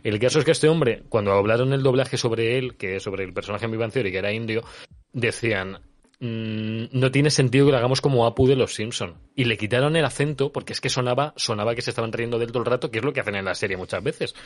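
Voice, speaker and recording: A man's voice: mid-range voice, fast talker, no echo. Slangy man from chatting. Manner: slangy, swears often, animated storytelling. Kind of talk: casual podcast chat.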